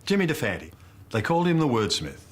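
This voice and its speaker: A man interviewing people on location, eager and quick to exclaim in amazement. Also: mid-range voice, sing-song, breathy edge. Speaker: on-screen interviewer. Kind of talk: casual on-location chat.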